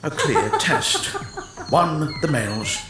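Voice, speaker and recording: A man giving a mock-serious nature documentary narration in formal, measured phrases. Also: fairly high pitch, huge pitch swings, roomy sound. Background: music.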